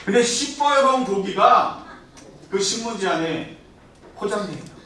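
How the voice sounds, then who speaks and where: A male pastor delivering a sermon with lively storytelling, often checking in with the congregation. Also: sits high, measured pace, far from the mic, slight background noise. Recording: echoey church hall from afar.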